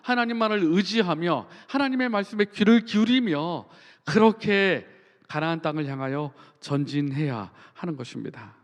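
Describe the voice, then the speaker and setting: A male pastor preaching a sermon, reading scripture aloud with earnest emphasis and pauses. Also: a little high, lively intonation, long reverb tail. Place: church sanctuary.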